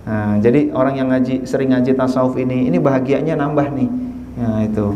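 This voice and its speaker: A man's voice: mid-range voice, steady tone, brisk, dark tone, highs cut off, slight background noise. A man giving a chatty sermon at a study gathering, joking and acting out little dialogues. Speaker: preacher. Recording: echoey hall from far off.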